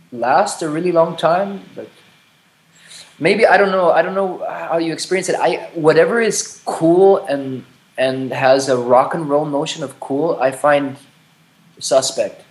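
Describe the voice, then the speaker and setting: A man in his late thirties with a voice on the high side talks unhurriedly in a candid conversation. He speaks thoughtfully, restarting often and swearing casually, and the recording has a roomy echo.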